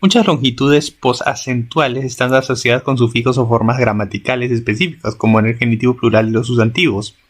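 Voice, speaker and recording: A man's voice: mid-range voice, fairly even intonation, fairly quick, hardly any pauses, breathy edge. A man reading a grammar text aloud as a lesson, often restarting words and sounding out example words.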